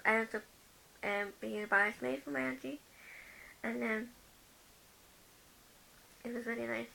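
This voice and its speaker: A woman's voice: fairly high pitch, fairly even intonation, a little slow, vocal fry, sharp tone, a little hiss or hum, low-quality recording. A young woman from the UK vlogging a tag video, chatting as she reads each question aloud and answers it with personal stories.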